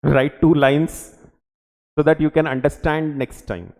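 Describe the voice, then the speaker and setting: Slow-paced Telugu-accented man teaching, echoey room. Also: on the high side, fairly even intonation, gravelly, darkish tone. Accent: Telugu-accented Indian English. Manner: instructional, short clipped phrases with frequent check questions. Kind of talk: classroom lecture with short questions to students. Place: indoor teaching studio or classroom.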